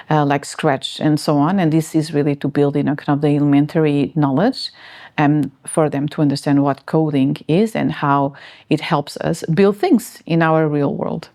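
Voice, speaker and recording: Female interviewee from Portugal, forties, deep voice, halting delivery full of fillers. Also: steady tone, mellow. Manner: hesitant, many fillers and restarts. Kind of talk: casual interview answers.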